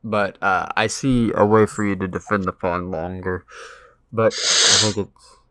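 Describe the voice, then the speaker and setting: A man with a lowish voice talks through chess lines one move at a time, steady and methodical. He chats casually with a sparring partner and laughs easily. The sound is dry and close, with no room echo. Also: measured pace. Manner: methodical, calls out moves step by step, laughs easily. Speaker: chess player hosting a sparring session. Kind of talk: casual chess analysis chat.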